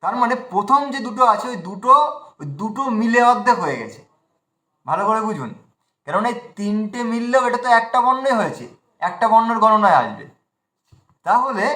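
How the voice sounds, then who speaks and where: High bright-voiced man teaching pronunciation. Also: roomy sound. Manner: slow, repeats words syllable by syllable to demonstrate. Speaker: Sanskrit recitation teacher. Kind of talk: online pronunciation lesson.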